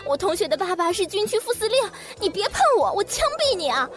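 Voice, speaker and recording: Shrill sobbing young man in a tantrum. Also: fairly even intonation, a little slow, over music. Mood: hysterical. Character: hysterical young man screaming and crying in tantrum.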